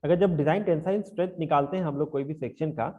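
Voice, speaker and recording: A man's voice: on the high side, fast talker, phone-quality sound. A male engineering teacher giving an online class lecture step by step, his audio cutting out over a bad connection. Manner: explains step by step, mixing in English terms. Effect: choppy, cutting-out online call audio.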